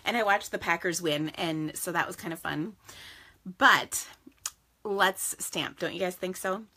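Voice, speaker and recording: A stamping crafts host with a Minnesotan accent talks casually during a live stream in her home craft office, rambling and laughing a lot. Her voice is low-ish, unhurried, bright and forceful, though tired and beginning to give out.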